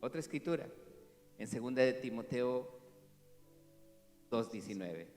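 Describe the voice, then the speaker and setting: A man, a pastor preaching an animated sermon that swings from loud to hushed. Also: mid-range voice, a little slow, long reverb tail, soft background music. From Mexico. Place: church hall.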